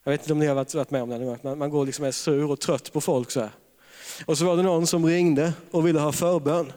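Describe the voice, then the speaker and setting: A man's voice: a little high, steady tone, warm tone. A man preaching a charismatic sermon, telling stories with humor and frequent laughter. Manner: humorous storytelling, laughs often. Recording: long reverb of a large hall.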